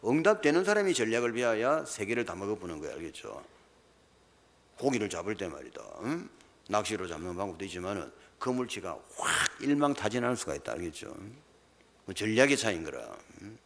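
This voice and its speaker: Male Gyeongsang-accented preacher with a lively, swooping delivery and pointed rhetorical questions, recorded with a long church-hall echo. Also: on the low side, fairly quick. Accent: Gyeongsang Korean. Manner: emphatic, keeps asking rhetorical questions. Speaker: pastor. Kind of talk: sermon.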